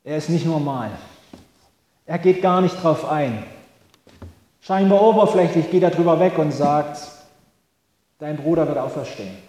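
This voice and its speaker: Male pastor, slightly higher voice, mellow tone; slow, thoughtful sermon in a reverberant church. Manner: slow, reflective, with long pauses.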